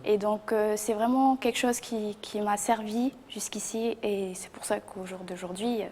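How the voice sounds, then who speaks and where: A young woman from New Caledonia, a reigning pageant winner, answering interview questions in a modest, halting way. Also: mid-range voice, steady tone, a little mellow, a little hiss or hum. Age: young adult. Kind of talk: talk show interview.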